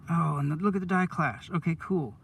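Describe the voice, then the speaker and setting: A man chatting casually on a live stream in his van, rambling and excitable, full of "dude" and "oh my God", sounding stoned. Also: on the high side, fairly quick, vocal fry, recorded from a distance, a little hiss or hum. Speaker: coin roll hunter streaming live.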